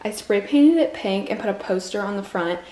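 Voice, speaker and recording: A woman's voice: medium pitch, animated, moderate pace, warm tone, a little hiss or hum. A young American woman, a college student, chatting casually to vlog viewers like a bubbly, gushing sorority girl who says "like" constantly. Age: young adult.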